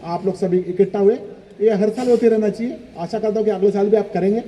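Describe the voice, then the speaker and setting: A man's voice: high-pitched, fairly even intonation, fast talker, warm tone, a little hiss or hum. A man, the principal of a school, giving a chatty, informal speech at a ceremony and slipping English phrases into his talk. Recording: echoey hall with long reverb.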